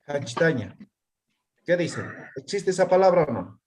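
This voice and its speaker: A man's voice: on the high side, lively intonation, a little slow, a little mellow. A man teaching a language class, quizzing his students and checking often whether they follow. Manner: constantly checks understanding with tag questions. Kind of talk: online class.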